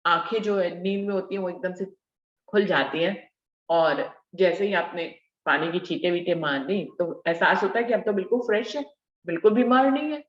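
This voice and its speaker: A woman leading a devotional scripture discussion, explaining verses slowly and repeating key phrases for emphasis. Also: on the low side, reverberant, lo-fi sound. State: slightly unwell. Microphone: video call.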